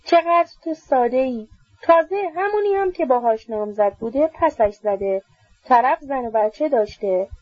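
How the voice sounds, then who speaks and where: A woman's voice: high-pitched, animated, no echo, dull audio. A woman reading an audiobook, voicing an indignant, gossipy young woman student. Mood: indignant gossip. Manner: chatty, indignant.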